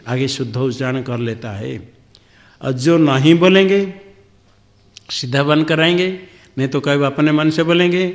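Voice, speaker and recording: Man, swami, spiritual discourse, slow repetition of words, chanted Sanskrit verses, mid pitch. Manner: slow, repeats words to drill Sanskrit pronunciation. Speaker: swami teaching Upanishads.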